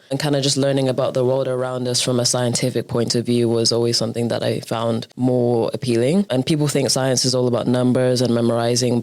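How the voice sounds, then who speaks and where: A man hosting a student podcast in a relaxed, conversational way. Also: mid-range voice. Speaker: podcast host. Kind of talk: casual podcast chat.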